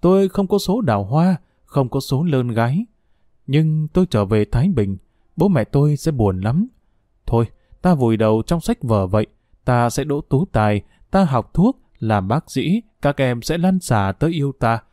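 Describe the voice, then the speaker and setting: A man's voice: mid-range voice, big pitch swings, normal speed, mellow, no room sound, studio quality. A man reading a novel aloud as an audiobook narrator, telling a wistful first-person story.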